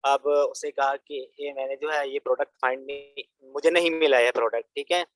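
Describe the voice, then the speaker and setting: A man's voice: mid-range voice, steady tone, fairly quick, a bit bright, dry recording, poor audio. A young man, walking viewers through an online course tutorial in a casual, chatty way and often adding "theek hai" as a filler. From Pakistan. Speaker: online business course instructor. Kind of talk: casual screen-recorded tutorial.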